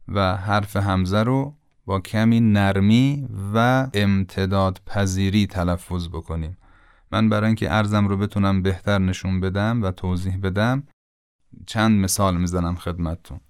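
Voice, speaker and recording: A man teaches Quran pronunciation in a patient, explanatory way, slowing down to stretch out each sound he demonstrates. His voice sits low and comes across smooth and resonant. The recording is dry and close, with no room sound. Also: no echo. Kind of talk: pronunciation lesson.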